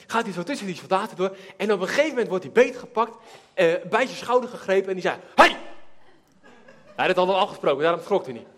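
A man preaching a sermon, telling a Bible story in a lively way, acting out the characters and laughing now and then. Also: high-pitched, very fast. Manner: animated, acts out characters, laughs while telling.

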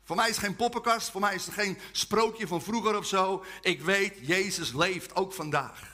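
A man's voice: sits high, normal speed, sharp tone. A man preaching a humorous testimony sermon to a live audience, joking and leading the crowd in call-and-response chants.

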